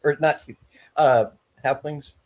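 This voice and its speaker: A man's voice: a little high, fairly even intonation, a little slow, a little mellow, natural voice, poor audio. A man doing a sly scheming gnome. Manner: sly, smirking, hesitant. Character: smooth-talking scheming male gnome.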